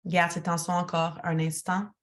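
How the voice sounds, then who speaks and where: A woman speaking as a yoga teacher leads one listener through a relaxation, her manner calm, soothing and instructional. Her pitch sits fairly low and her pace is moderate.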